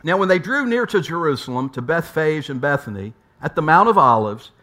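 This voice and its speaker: Building his point through rhetorical questions and restarted words, a pastor from the United States delivers an unhurried, conversational sermon. His voice is a bit high for a man, sing-song and sharp in tone.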